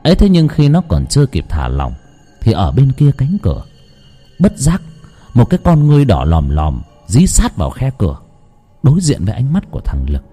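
A man's voice: mid-range voice, wildly swooping pitch, moderate pace, dark tone, slightly rough, soft background music. A man narrating a ghost story in a dramatic, suspenseful way. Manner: dramatic, suspenseful, wide-ranging delivery.

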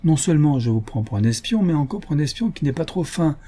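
A man voicing a brisk young frontier scout who gives curt orders, in a read-aloud adventure story. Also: on the high side, animated, warm tone, voice pushed up. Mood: stern.

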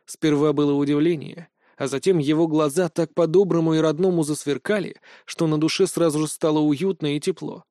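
A man reading a first-person audiobook in a calm, even storytelling manner. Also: on the high side, brisk, hardly any pauses, dry recording, studio quality. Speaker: audiobook narrator.

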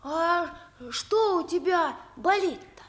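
An actress playing a curious, naive schoolchild in a children's drama, with a wide-eyed questioning manner. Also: female voice, very high-pitched, lively intonation, slow pace, a bit bright, full character voice. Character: curious, naive schoolchild visiting a sick classmate. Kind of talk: children's radio drama acting.

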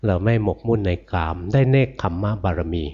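An older monk giving a dharma sermon, gentle and repetitive, often asking his listeners questions and answering them himself. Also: on the low side, a little fast, husky, muffled recording. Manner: gentle, repetitive, ends phrases with soft particles. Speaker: Buddhist monk teacher.

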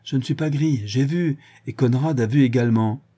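A man's voice: mid-range voice, normal speed, warm tone, husky, lightly acted. A man voicing a blunt, uneasy henchman in an audiobook.

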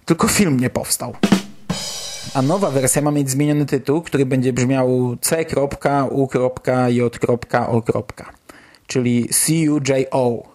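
A man with a mid-range voice and a darkish tone hosts a podcast. He presents the news in a colloquial, enthusiastic way, as casual news commentary.

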